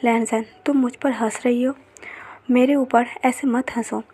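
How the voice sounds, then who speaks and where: A woman's voice: fairly high pitch, fairly even intonation, unhurried, warm tone, husky. A woman reading the lines of a moody, drunk male mafia boss plainly within her story narration. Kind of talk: narrated fan-fiction retelling.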